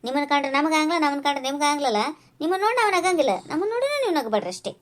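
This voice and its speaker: A brash, quick-tempered village woman from a cartoon, as a woman puts her on, with a North Karnataka accent. Her voice sits high and she fires off words at a fast clip, combative and scolding. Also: animated. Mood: indignant. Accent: North Karnataka Kannada. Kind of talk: cartoon voice acting.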